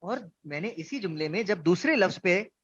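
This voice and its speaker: A man's voice: high-pitched, animated, moderate pace, fairly bright tone, slightly rough. A man giving an online orientation lecture, explaining ideas through examples and asking students questions. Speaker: instructor. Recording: dull lo-fi online class audio.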